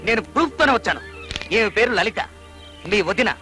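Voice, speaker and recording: An actor playing a scheming sidekick friend in a family film drama. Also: male voice, sits high, animated, a little fast, pushed and bright, faint music behind. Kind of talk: Telugu film dialogue.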